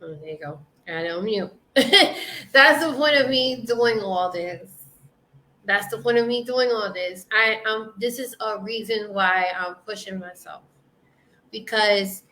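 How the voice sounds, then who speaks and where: A woman's voice: medium pitch, sharp tone, poor audio. A woman interviewer on a video call, talking earnestly with hesitations and repeated phrases. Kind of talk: heartfelt interview talk.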